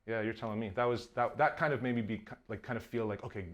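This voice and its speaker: A man's voice: mid-range voice, fairly even intonation, fast talker. A man in his thirties, a film director talking in a casual interview, rambling with lots of fillers. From Canada. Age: 30s. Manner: rambling, many fillers and restarts.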